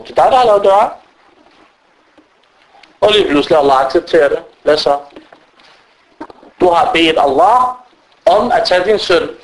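A man's voice: fairly high pitch, poor audio. A male preacher giving a sermon, telling stories and acting out the people in them. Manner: animated storytelling that acts out quoted people.

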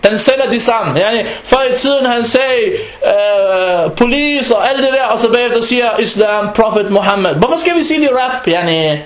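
Male preacher, very high voice, informal lecture, echoing room sound. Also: few pauses. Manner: animated, mixes in Arabic phrases and recitation.

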